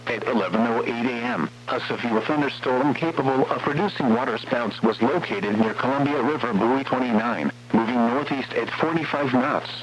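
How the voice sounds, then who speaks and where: Heard over a radio broadcast, a synthetic American male TTS voice at medium pitch reads out formal weather warning bulletins, steady and impersonal. The signal is muffled and lo-fi, carrying a faint hum.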